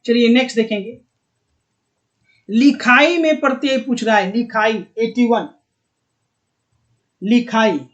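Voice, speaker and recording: A man's voice: extremely high pitch, slow pace, long pauses, fairly bright tone, highs cut off. A man with a Bihari Hindi accent teaching an exam-prep lesson online, repeating words and coaxing students with questions.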